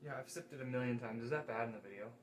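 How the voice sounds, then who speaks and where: A man's voice: mid-range voice, very fast, a little hiss or hum. A man in his thirties joining a casual Q&A chat, giving brief, laid-back replies. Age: 30s. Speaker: co-host, partner.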